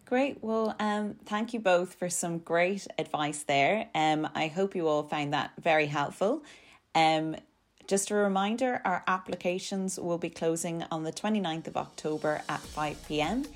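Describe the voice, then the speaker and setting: A woman's voice: lowish voice, measured pace. A woman hosting a podcast in a semi-scripted style. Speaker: podcast host.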